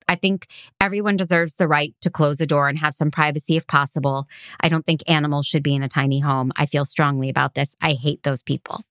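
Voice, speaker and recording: Lower-voiced, opinionated American woman. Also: fairly bright tone, no echo, clean studio sound. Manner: opinionated, teasing. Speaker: podcast co-host. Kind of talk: casual chat.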